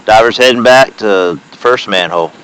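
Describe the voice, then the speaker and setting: A man's voice: fairly low pitch, normal speed, fairly bright tone. A man acting as dive supervisor over a radio intercom, giving terse, procedural confirmations and repeating back reports. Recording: noisy dive radio comms.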